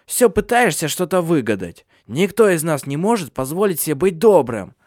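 In an audiobook, a man voices an ancient bedridden witch, an old woman, pitching a little high, above his own voice. Her sing-song delivery at normal speed is sharp, scornful, scolding and imperious. The studio sound is clean, with no room sound.

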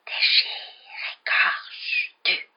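A woman voicing a cold, murderous monster that speaks in a hissing whisper from far off. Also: drawn-out words. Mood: menacing. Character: cold hungry monster voice in the walls. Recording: dull lo-fi recording.

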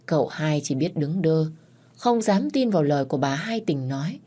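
Low-voiced woman storyteller. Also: moderate pace. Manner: steady, dramatic storytelling. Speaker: story narrator. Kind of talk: first-person audiobook narration.

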